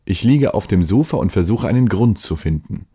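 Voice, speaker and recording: Low husky man narrating his story. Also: lively intonation, normal speed, warm tone. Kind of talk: scripted first-person narration.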